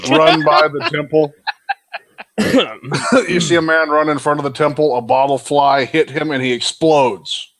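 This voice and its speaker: A man's voice: a little high, fairly even intonation, measured pace, a bit bright. A man improvising narration as game master of a tabletop game in a casual style.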